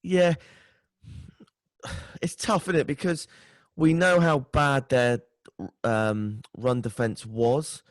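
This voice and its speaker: Male podcast guest, British, medium pitch, sleep-deprived and hungover, stumbling a little through relaxed fan talk. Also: slow, pauses often, no room sound. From United Kingdom. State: tired and hungover, short of sleep. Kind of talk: casual sports chat.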